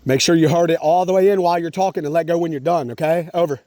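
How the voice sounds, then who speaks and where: A father speaks casually and playfully to his small child outdoors in a rainy park, offering simple encouragement and checking in often. His voice is on the high side and mellow, fast, with fairly even intonation. Noisy home-video audio captures it outdoors.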